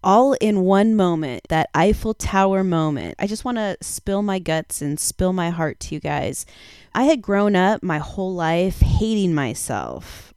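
Frank, smooth-voiced woman in her forties. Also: lowish voice, darkish tone, no echo, clean studio sound. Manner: confessional and frank, casual swearing. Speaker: podcast host. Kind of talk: candid personal storytelling.

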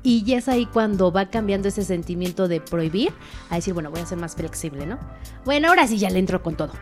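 A woman's voice: mid-range voice, lively intonation, fast. A Mexican woman hosting a podcast in casual, conversational talk. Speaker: podcast host. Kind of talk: casual chat. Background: faint music.

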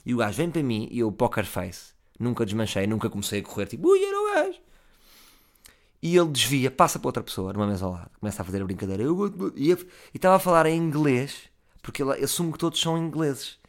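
A man with a European Portuguese accent telling a comic story, animated, swinging between loud and low. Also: fast talker.

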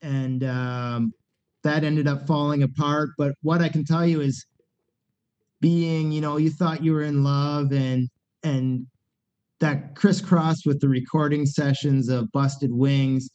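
Slow and steady, a middle-aged man speaks in a slightly high, darkish, nasal voice. As a punk band singer guesting on a casual podcast, he rambles frankly, often restarting and leaning on fillers, and the recording is dull and lo-fi.

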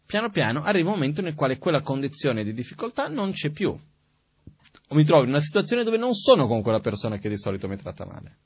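A man giving a Buddhist teaching in a calm, conversational way, asking rhetorical questions as he goes. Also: a little high, fast talker, breathy edge, no room sound. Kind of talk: spoken dharma teaching. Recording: dull, dry, lo-fi recording.

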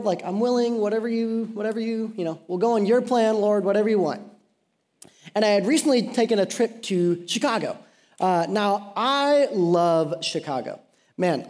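High-voiced casual young preacher from Ohio. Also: male voice, a little mellow, in a large hall. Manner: casual, chatty, self-deprecating, many fillers. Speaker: pastor. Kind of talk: sermon. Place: church stage.

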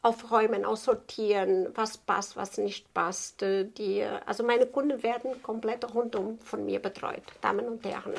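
A Portuguese tailor in her fifties, speaking with a Portuguese accent, answers interview questions about her craft haltingly as she searches for words in a non-native language. Her mid-range voice has vocal fry and fairly even intonation.

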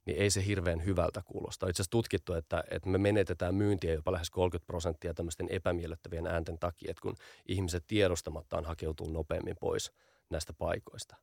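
A man's voice: low-pitched, little pitch movement, vocal fry, a little mellow, no echo, clean studio sound. A man being interviewed as an audio branding expert, explaining patiently and often repeating small fillers while he thinks.

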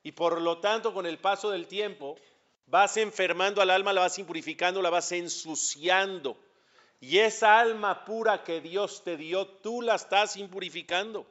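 A man's voice: sits high, a little slow, fairly bright tone, lo-fi sound. A man, a rabbi with a Mexican accent, giving a religious lecture, asking the audience questions and building to emphatic peaks. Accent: Mexican Spanish.

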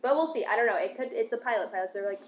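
A woman's voice: a little high, rapid-fire. A young woman chatting casually on a podcast, her voice muffled and underwater-sounding. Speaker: podcast co-host. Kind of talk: casual chat. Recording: muffled underwater-like audio, faint background noise.

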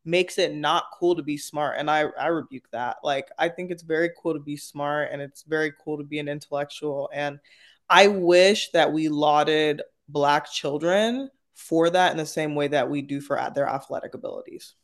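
A man's voice: fairly high pitch, normal speed. A man speaking as a panel guest, casual and opinionated, articulate and emphatic, peppering points with "like" and "right?".

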